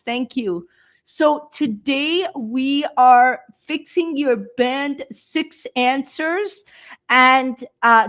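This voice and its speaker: In a live-streamed speaking class, a woman from Canada teaches English with slow, patient explanations and many ums and uhs. Her voice sits high.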